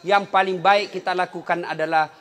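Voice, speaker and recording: Male preacher, high voice, animated and comic delivery. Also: normal speed. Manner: animated, jokes and acts out scenes, shouts takbir. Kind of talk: humorous sermon.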